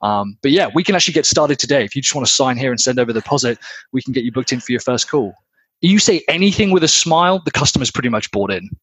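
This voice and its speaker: A man co-hosting a casual podcast chat and coaching on sales in a blunt, energetic way, swearing freely and acting out customers. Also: mid-range voice, fast talker, husky, no echo.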